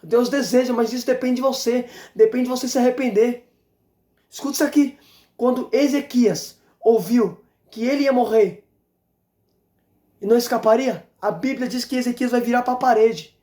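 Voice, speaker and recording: A man preaching a fervent sermon as an evangelist, exhorting and repeating his points with shouts of praise. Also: very high-pitched, steady tone, normal speed. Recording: roomy echo.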